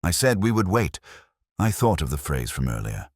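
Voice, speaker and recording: A first-person detective story is narrated by a man with an extremely low, husky voice, brooding and measured like a weary, introspective investigator speaking in short literary phrases. His pitch shifts expressively with big swings. The audio is dry and close, no room sound.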